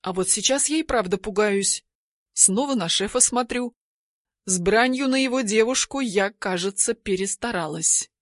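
A woman reading a first-person novel aloud, lively and acting out the dialogue. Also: medium pitch, moderate pace, no room sound, studio quality. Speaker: audiobook narrator. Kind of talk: first-person audiobook narration.

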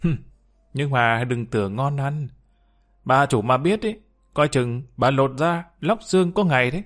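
A man's voice: mid-range voice, normal speed, close to an everyday voice. A man voicing a young waitress who gossips in a snide, spiteful way. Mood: gossipy.

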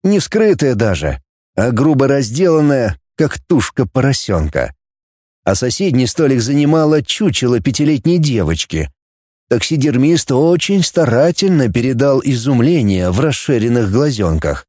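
A man narrating a science-fiction audiobook in an expressive, dramatic reading. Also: medium pitch, moderate pace, dry recording, clean studio sound. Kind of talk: scripted narration.

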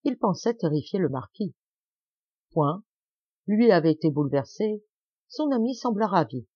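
A woman reading a classic novel aloud as an audiobook, raising her voice for the characters' shouted lines. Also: big pitch swings, normal speed, husky, no room sound, muffled recording. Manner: acts out the dialogue with raised pitch and volume. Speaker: audiobook reader. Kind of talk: expressive narration of a classic novel.

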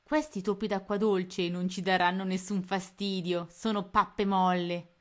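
A woman voicing rough male rat pirates in a read-aloud storybook, sneering and menacing. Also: medium pitch, little pitch movement, a little slow, close to an everyday voice. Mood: scheming.

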